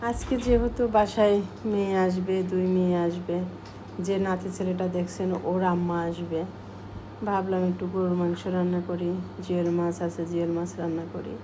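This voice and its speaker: A middle-aged woman, slowly talking through her cooking, a little short of breath from a cold. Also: lowish voice, flat delivery, noisy background. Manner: slow, soft-spoken explaining. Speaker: cooking vlogger. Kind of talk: casual cooking voice-over.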